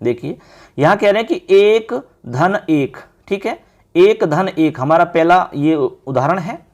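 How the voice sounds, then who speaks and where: A high-voiced man teaching a grammar lesson. He works through each example patiently, asking the class a question and answering it himself. Key syllables come out slow and drawn out as he writes them on a board. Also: lively intonation. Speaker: Sanskrit teacher.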